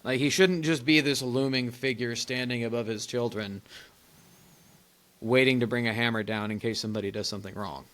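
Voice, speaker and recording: Animated young man telling stories. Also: mid-range voice, brisk. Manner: animated storyteller, laughs often, rambling restarts. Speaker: podcast co-host. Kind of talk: casual chat, storytelling.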